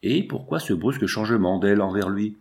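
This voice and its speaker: A man narrating a novel in a steady, literary reading style. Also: lowish voice, brisk, vocal fry.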